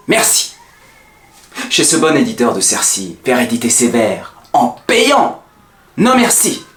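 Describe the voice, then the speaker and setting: An actor as a declamatory, defiant Cyrano de Bergerac, echoey. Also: male voice, mid-range voice, a bit bright, close to an everyday voice. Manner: hammy, declamatory stage acting with big dynamic swings. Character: proud, defiant poet-swordsman declaiming a scornful refusal speech. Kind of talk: theatrical French verse monologue. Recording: echoey, roomy sound.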